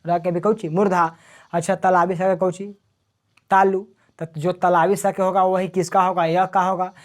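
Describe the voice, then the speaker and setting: A man's voice: high voice, level tone, moderate pace. A man teaching a grammar lesson, repeating sounds and answering his own questions in drills. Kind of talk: classroom grammar lesson with call-and-response drills.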